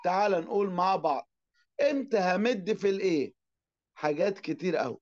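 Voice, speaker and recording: A man with an Egyptian Arabic accent teaching an online class. He asks and answers his own questions and draws out English words slowly. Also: high voice, a little mellow, highs cut off.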